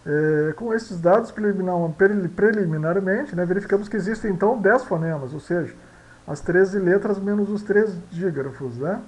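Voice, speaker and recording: A man's voice: high voice, a little mellow, poor audio. A man teaching basic phonology, explaining step by step and often checking in with tag questions. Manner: explanatory, frequent tag questions, slow and repetitive. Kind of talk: explaining Portuguese phonology exercises.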